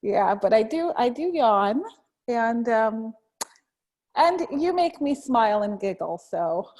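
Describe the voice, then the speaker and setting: A fairly high-pitched woman guides a tapping session, speaking calm affirmations for her partner to repeat. Between rounds she turns chatty and laughs easily, keeping a friendly, informal tone. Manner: giggly, chatty, leads affirmations slowly. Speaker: EFT tapping practitioner and co-host. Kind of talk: guided tapping affirmations, then casual chat.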